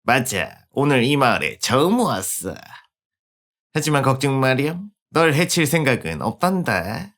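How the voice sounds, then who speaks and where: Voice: medium pitch, very animated, measured pace, a bit bright. A streamer voicing a suspicious male stranger in a video game, speaking to a child with insinuating reassurance. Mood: ominously friendly. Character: suspicious, smooth-talking adult male stranger warning a child.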